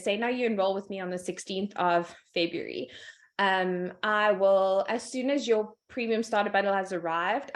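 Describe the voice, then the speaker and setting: A woman giving a casual presentation as a guest on a video call, chatty and upbeat with frequent laughs. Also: mid-range voice. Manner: chatty, upbeat, laughs often between points. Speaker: guest speaker, sales team leader.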